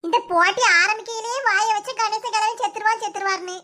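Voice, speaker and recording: Woman doing squeaky bright village cartoon voices, Kanyakumari accent, scolding banter. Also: steady tone. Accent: Kanyakumari Tamil. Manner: scolding, teasing, rapid banter. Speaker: cartoon voice artist. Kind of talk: village cartoon comedy voicing.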